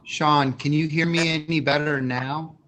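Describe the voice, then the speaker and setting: A man chairing a committee meeting over a video call, halting with ums, his audio choppy and breaking up. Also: a little high, fairly even intonation, fairly bright tone. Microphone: computer on a video call.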